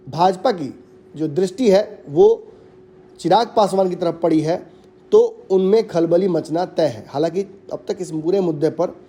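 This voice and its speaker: A man anchoring a news bulletin, giving measured, emphatic political commentary. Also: sits high, warm tone.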